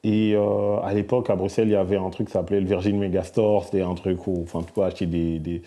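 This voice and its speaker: A middle-aged man from Belgium, answering interview questions in a soft-spoken, hesitant way with many fillers. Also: low-pitched, level tone, fast. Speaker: musician guest.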